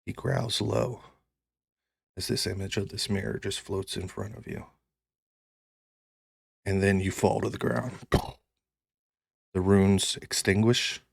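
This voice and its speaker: A man narrating a tabletop fantasy game as game master, telling it dramatically in deliberate short phrases. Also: fairly low pitch, flat delivery, creaky, breathy edge, dry recording, studio quality.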